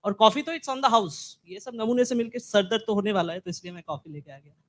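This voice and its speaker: A man playing an observant young cafe waiter in a comedy sketch, quick and matter-of-fact. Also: sits high, lightly acted.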